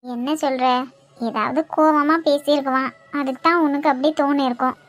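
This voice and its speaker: A woman voicing a calm young friend in a cartoon, speaking with a Kanyakumari Tamil accent in a soothing, questioning way. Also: high-pitched, moderate pace, close to an everyday voice. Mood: reassuring.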